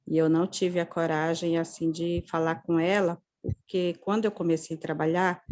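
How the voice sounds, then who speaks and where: A woman's voice: lowish voice, little pitch movement, normal speed, a little mellow, muffled recording. A woman with a Brazilian Portuguese accent speaking up in an online group, telling her story hesitantly with many fillers over a video call. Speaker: group participant. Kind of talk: personal sharing.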